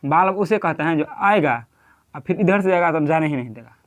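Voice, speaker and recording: A man with a Bihari Hindi accent gives a lecture in a fairly high, expressive voice at a brisk pace. He keeps quizzing the class, repeats key terms, and draws on a board as he goes.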